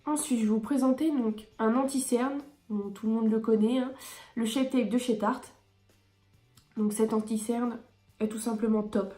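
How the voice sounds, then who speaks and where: A woman's voice: on the high side, fairly even intonation, moderate pace, dark tone, reverberant, faint music behind. A woman beauty vlogger reviewing her favourite products in a chatty, enthusiastic way with frequent hesitations.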